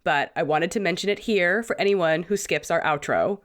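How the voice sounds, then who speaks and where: A woman's voice: on the low side, moderate pace, slight background noise. A woman co-hosting a podcast, chatty and self-mocking, her voice still sick. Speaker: podcast co-host. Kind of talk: casual podcast chat.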